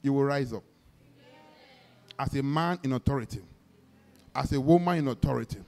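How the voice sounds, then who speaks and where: A Nigerian-accented pastor preaches a sermon in a gravelly, mid-range voice at normal speed. He tells vivid stories, acting out the dialogue, and leads the congregation in call-and-response declarations. His delivery is exclamatory and sprinkled with shouts of praise.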